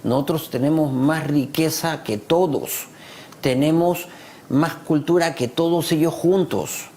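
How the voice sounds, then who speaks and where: Speaking at a measured pace in a fairly high, slightly mellow voice, a Peruvian talk show guest with a Peruvian Spanish accent argues passionately. He is proud and emphatic, driving his points home through repetition, and the audio carries a slight hiss or hum.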